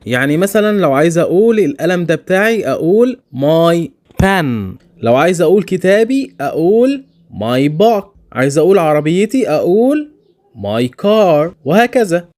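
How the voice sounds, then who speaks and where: Egyptian guy teaching english to beginners, says each word slow and twice. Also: a little high, very animated, darkish tone. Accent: Egyptian Arabic. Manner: repeats English words slowly, twice, for learners. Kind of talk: beginner language lesson.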